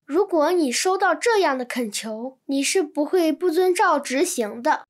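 High-pitched lady reading lesson translations, clear and steady. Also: moderate pace. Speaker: Chinese translation reader. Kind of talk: scripted textbook translation reading.

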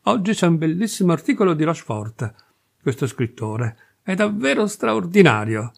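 A man's voice: medium pitch, lively intonation, normal speed, vocal fry. A male reader voicing a brash, mocking freethinking Parisian man who talks boastfully and scornfully.

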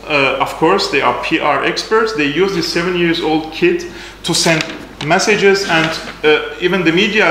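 Picked up from afar by a camera with no mic in view, a thirties-aged presenter speaks with fillers and somewhat non-native wording while presenting slides in a small attic lecture room. The echoey recording has slight background noise, and his voice is fairly high, pushed and bright.

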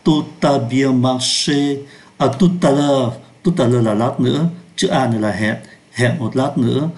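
A man teaching French pronunciation in Vietnamese, slowing down to sound out French words. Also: mid-range voice, darkish tone. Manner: slows down to pronounce French words. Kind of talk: lesson explaining pronunciation.

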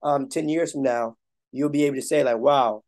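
A man's voice: mid-range voice, fairly even intonation, moderate pace, a little mellow. A man in his thirties hosting a podcast interview over a video call, talking in an easy, affirming way. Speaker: podcast host. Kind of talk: casual interview chat.

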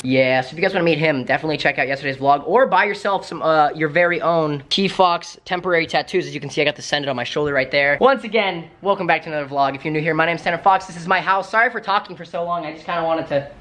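Fast-talking hoarse young male vlogger. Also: fairly high pitch. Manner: energetic, joking. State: hoarse, voice worn from screaming. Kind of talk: casual vlog talk.

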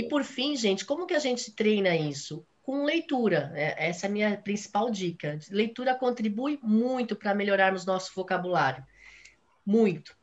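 A woman, giving a sales talk and chatting with her audience. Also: medium pitch. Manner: chatty, addresses audience as gente, frequent né. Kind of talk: live online talk. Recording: dull lo-fi audio.

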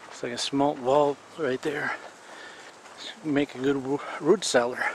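A middle-aged man casually narrating a walkthrough of a building site outdoors, filming on a handheld camera and pausing often with fillers. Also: medium pitch, fairly even intonation, slight background noise, rough recording. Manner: rambling, plain-spoken, pauses with fillers while filming. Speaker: vlogger documenting a house build. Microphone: handheld camera mic while walking.

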